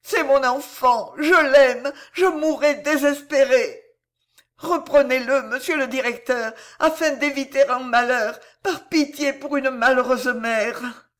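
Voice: medium pitch, slow pace, pitched above the performer's own voice, natural voice. A reader voicing a poor grieving mother who begs tearfully in a storybook reading. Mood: pleading, tearful. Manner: tearful, begging. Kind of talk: audiobook character voice.

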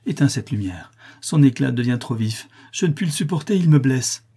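A man voicing a delirious, tormented notary who cries out in shrill frenzy. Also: expressive, normal speed, mellow, slightly rough. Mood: anguished. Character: delirious raving male notary, tormented and feverish. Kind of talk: audiobook character reading.

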